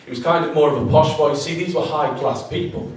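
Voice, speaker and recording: A man's voice: a little high, fairly quick, far from the mic. A man with a Yorkshire accent performing a self-mocking comic story live on stage. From Yorkshire, England. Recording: roomy live venue, from afar.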